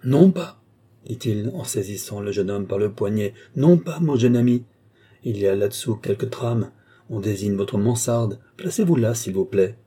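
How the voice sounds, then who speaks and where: A man's voice: on the low side, normal speed, mellow, slightly rough. A man voicing a suspicious, touchy older male philosopher in an audiobook, hurling accusations and lamenting his betrayals. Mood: indignant. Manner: accusing, self-pitying outbursts.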